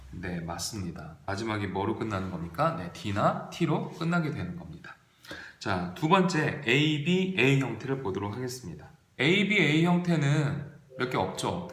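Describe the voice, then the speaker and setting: Male teacher, unhurried lively lecture, roomy echoey sound. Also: mid-range voice, slight background noise. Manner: drills verb forms aloud, asks and answers own questions. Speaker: English teacher. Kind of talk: online video lecture. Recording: roomy echo.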